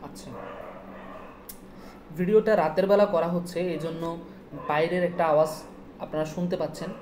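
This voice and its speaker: A woman teaching an online Urdu lesson, spelling words out letter by letter slowly and repeating them. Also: lowish voice, steady tone, darkish tone. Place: indoors at night, city street sounds outside. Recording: echoey room, faint street noise.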